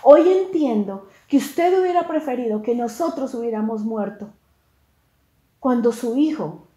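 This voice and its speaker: A woman's voice: on the high side, animated, measured pace, warm tone, echoey room. A woman voicing a stern army commander. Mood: stern rebuke. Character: stern male army commander rebuking his king.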